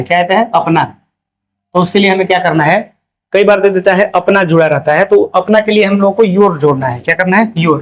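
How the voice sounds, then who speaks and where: A man with a Hindi accent explains grammar in a casual classroom style. He asks questions and answers them himself, and says the English examples slowly and carefully. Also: high-pitched, low-quality recording.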